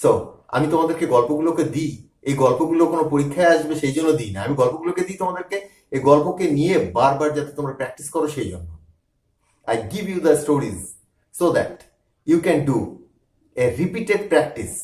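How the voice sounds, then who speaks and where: A Bengali-speaking man teaches spoken English, drawing out each phrase slowly in clearly separated words, then rattling off a quick Bengali restatement. His pitch swoops animatedly up and down. He's far from the mic in an echoey room.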